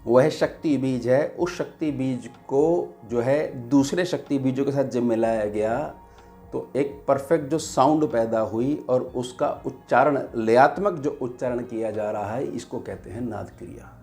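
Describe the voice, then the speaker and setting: A man, a spiritual teacher, giving a devotional teaching talk in a slow, measured way with pauses. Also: medium pitch, darkish tone, faint music behind.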